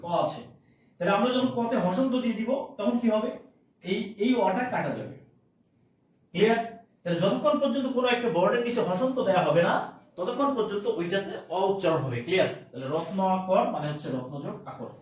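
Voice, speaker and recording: A man's voice: sits high, expressive, fast, very echoey, recorded from a distance, rough recording. A man teaching a grammar lesson, repeating key words and checking often whether his listeners follow.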